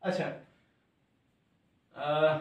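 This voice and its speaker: A man teaching English pronunciation in a classroom style, patiently repeating words and sounding out letters one by one. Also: drawn-out words. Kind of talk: classroom explanation. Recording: echoey room from far off.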